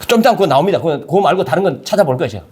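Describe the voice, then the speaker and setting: A male pastor delivers a conversational sermon and keeps asking the listeners questions. His voice sits high for a man. His pitch jumps around with lots of movement. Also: racing. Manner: conversational, animated, asks the congregation questions.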